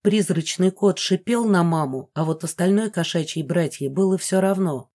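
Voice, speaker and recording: A woman narrating an audiobook in the first person with lively, expressive storytelling. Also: lowish voice, moderate pace.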